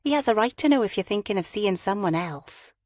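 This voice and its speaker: A woman narrator voices an outspoken, talkative middle-aged woman friend who speaks frankly and teases. Her mid-range voice is expressive, a little fast and a little mellow, pitched above her own natural voice but close to an everyday one. The recording is studio quality, with no room sound.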